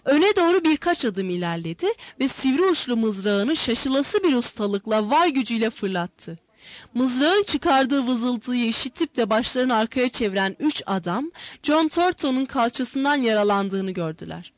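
High-voiced woman reading a story aloud. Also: no room sound. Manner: measured, expressive reading. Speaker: narrator. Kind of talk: audiobook storytelling.

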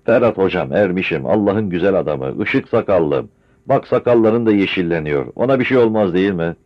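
A man voicing a grieving, frail old village man who pleads tearfully in a high, strained voice. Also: expressive, a little fast. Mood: anxious. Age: older. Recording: dull lo-fi recording.

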